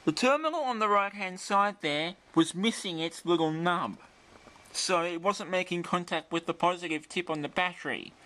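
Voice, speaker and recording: In a bright indoor room, a vintage radio video presenter explains things carefully and in detail, unscripted, like a show-and-tell. His voice is high-pitched and bright with a forceful tone, at normal speed.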